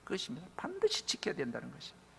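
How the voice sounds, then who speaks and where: A pastor with a gravelly, high voice delivers a revival sermon in a large church sanctuary with long reverb and slight background noise. He talks rapid-fire with huge swings in pitch, telling stories dramatically, acting out quoted voices, and shifting between loud and hushed.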